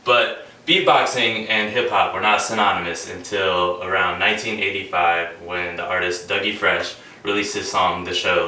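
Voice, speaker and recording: A man's voice: sits low, sharp tone. A young man giving a casual instructional talk, with frequent ums and restarts. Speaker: speaker giving a class talk on beatboxing. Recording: echoey room, mic at a distance, faint hiss.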